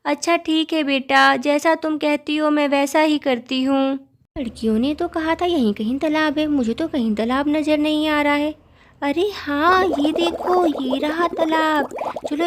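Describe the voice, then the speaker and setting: A woman telling a doll story and voicing its characters, in an animated, exclaiming way. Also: high voice, normal speed. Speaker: storyteller voicing every part. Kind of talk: doll story narration with voiced parts.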